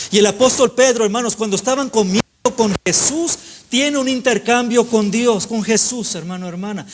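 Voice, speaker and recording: A man preaching a sermon to his congregation, in a repetitive cadence that falls softer at the end of each phrase. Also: high voice, a little hiss or hum. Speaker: pastor.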